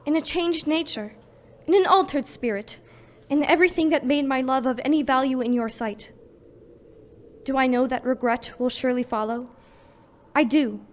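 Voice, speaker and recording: A woman playing Belle in a live radio play, soft and earnest. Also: high voice, moderate pace, long pauses, natural voice. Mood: sorrowful. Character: young woman Belle, gentle and heartbroken.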